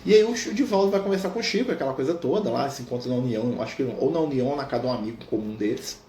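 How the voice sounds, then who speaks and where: A man leading a Spiritist study, telling a story in an animated way and tagging almost every phrase with a questioning "right?". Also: mid-range voice, very fast. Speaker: Spiritist study group leader. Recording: echoey room with faint noise.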